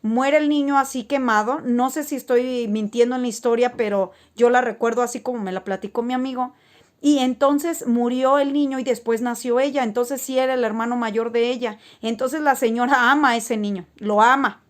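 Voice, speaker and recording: A woman talks casually to camera, spinning stories for her viewers. Her voice sits slightly high, and she rambles along with plenty of fillers and false starts. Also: normal speed. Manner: rambling, frequent filler words and restarts. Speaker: spiritual vlogger.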